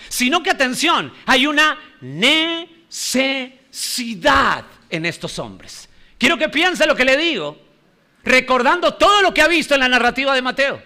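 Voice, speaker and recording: A man's voice: very high voice, bright, forceful tone. A male pastor preaching a sermon, emphatic, repeating key phrases and quizzing the congregation.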